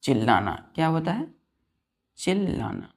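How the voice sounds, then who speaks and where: During a classroom vocabulary lesson, a low-voiced woman with a sing-song delivery slowly spells words out letter by letter. She keeps asking her students whether it's clear.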